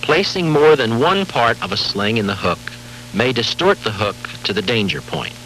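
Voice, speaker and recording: A man giving formal, measured scripted narration for a safety training film, heard from a worn VHS tape copy with faint hiss and hum. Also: medium pitch, animated, a bit bright, rough recording. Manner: measured, formal, authoritative delivery.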